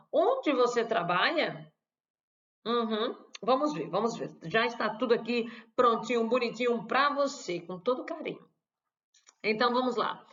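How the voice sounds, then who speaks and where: A Brazilian woman explains grammar over her slides in a fairly high voice. She takes her time, spelling each point out and saying it again, with a joking remark here and there. The sound is dull and lo-fi. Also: fairly bright tone. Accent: Brazilian Portuguese. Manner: slow, deliberate, repeats key phrases, playful asides. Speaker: language teacher. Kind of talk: slide-based grammar lesson. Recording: dull lo-fi recording.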